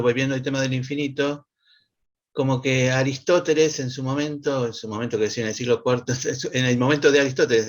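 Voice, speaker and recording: A man's voice: mid-range voice, vocal fry. A man, speaking as an interview guest and explaining his ideas casually, thinking aloud as he goes. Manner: thinks aloud, with restarts and fillers. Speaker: guest, mathematician and philosopher. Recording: lo-fi, dull audio.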